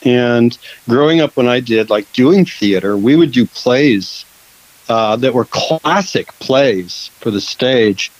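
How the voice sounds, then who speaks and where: A man's voice: medium pitch, lively intonation, takes it slowly, dry recording, poor audio. A man from Western Washington hosting a casual interview, rambling with many fillers and restarts. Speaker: podcast host and producer.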